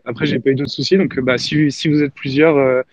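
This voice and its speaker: Man, chat host, casual, halting phrasing, narrow pitch range, lo-fi online call. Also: steady tone. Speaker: host of a live audio chat. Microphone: online audio call. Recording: band-limited, dull online audio chat.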